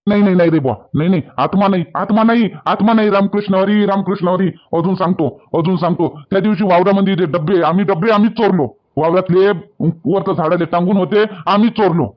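A man's voice: high-pitched, quick pace, few pauses. A man with a Varhadi accent acting in a rustic village comedy sketch, talking emphatically and repeating himself. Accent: Varhadi Marathi. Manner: emphatic and repetitive, pleading. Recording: dull lo-fi sound.

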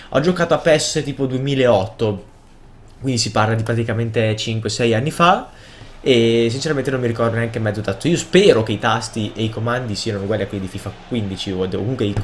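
A young man with a cold and sore throat, casually commenting on his own football video game match and bursting into shouts at goals. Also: medium pitch, a little hiss or hum. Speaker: gaming video host.

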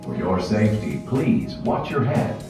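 A man working as a cave tour guide gives slow, deliberate safety instructions to a group inside an underground cavern. His voice carries a cave echo. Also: on the low side, big pitch swings. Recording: echoey cave from far off, music over it.

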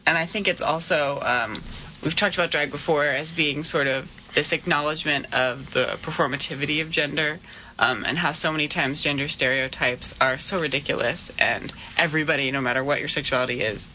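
A man's voice: mid-range voice, fairly quick, sharp tone, slight background noise, rough recording. A young man, a student guest on campus radio, explaining ideas in an articulate, thoughtful way. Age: young adult. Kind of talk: casual radio interview.

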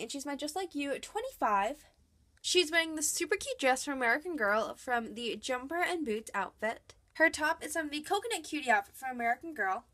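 In a scripted voice-over, a young woman vlogger who collects dolls shows her dolls' outfits despite having a cold. Her high-pitched voice carries a fairly bright tone, and her narration is chatty and upbeat.

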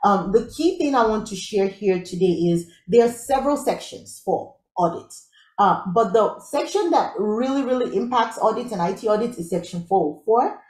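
Upbeat fast-talking woman teaching, echoey room. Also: mid-range voice, lively intonation, a little mellow. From Nigeria. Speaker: IT audit instructor. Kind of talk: live online workshop teaching.

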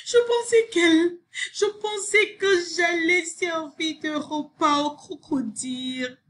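A woman's voice: slow, a bit bright, a little hiss or hum, full character voice. A woman voicing Sophie, a desperate young woman in a storybook, crying out her lines in a raised voice. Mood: relieved. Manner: high, cried out exclamations.

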